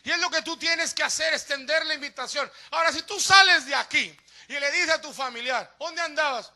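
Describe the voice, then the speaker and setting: A pastor delivers a sermon in a very high voice. His tone is sharp and forceful. He tells stories, acts out the people he quotes and builds to emphatic, near-shouted appeals. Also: a little fast.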